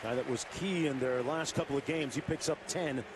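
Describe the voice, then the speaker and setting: A man's voice: medium pitch, brisk. A man calling live football play-by-play in terse, fragmentary phrases. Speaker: play-by-play announcer. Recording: loud crowd-like stadium noise. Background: loud stadium ambience.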